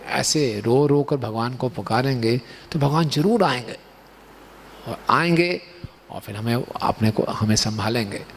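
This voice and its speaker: A man's voice: mid-range voice, measured pace. A man giving a sermon, explaining and telling stories, often checking in with rhetorical tag questions. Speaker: preacher.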